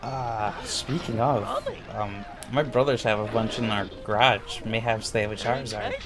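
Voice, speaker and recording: A man hosting a let's play with casual game commentary, dry and laconic with deadpan quips. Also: lowish voice, normal speed. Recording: game music playing behind.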